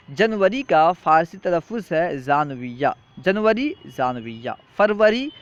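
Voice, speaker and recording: A man's voice: on the high side, fairly bright tone, a little hiss or hum. Patient male teacher, dull lo-fi sound. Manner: patient, repetitive, checks in with "theek hai?". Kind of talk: classroom lesson, reciting and explaining.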